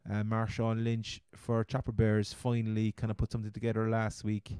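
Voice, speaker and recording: Cork-accented Irish man with a mellow voice. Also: lowish voice, completely flat delivery, moderate pace, smooth, no room sound, studio quality. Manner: rambling, repeats his words. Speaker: podcast host. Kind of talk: casual chat, fantasy football commentary.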